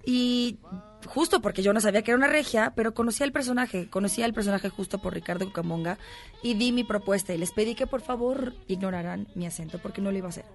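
A woman from Mexico City, an actress guest telling animated stories in a casual interview chat, with music faint behind her. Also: medium pitch. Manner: animated, laughing, quick storytelling.

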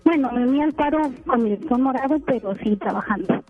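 A woman's voice: high voice, a little fast. A woman calling in to a radio show over the phone, steadily listing her points. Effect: phone call heard over a radio broadcast. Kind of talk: call-in opinion on air. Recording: tinny phone line with faint music.

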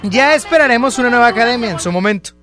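Locutora mexicana aguda y efusiva. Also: female voice, fairly high pitch, quick pace. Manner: excitable, exclamatory, chatty. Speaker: radio host. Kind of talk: lively radio chat over music. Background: music underneath.

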